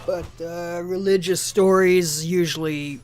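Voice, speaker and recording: A man's voice: high voice, fairly even intonation, measured pace, darkish tone. A man rambling over his gameplay footage, stammering with lots of filler words, recorded on a home mic without a pop filter. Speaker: gaming video creator.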